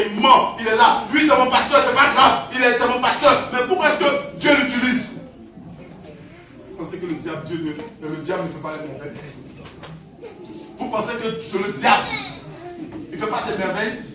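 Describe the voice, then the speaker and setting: A man preaching a sermon with passion, swinging between shouting and low murmurs, repeating phrases with a chuckle now and then. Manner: impassioned, swings from loud shouting to low murmurs, laughing asides. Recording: very echoey hall, voice from far off, music behind.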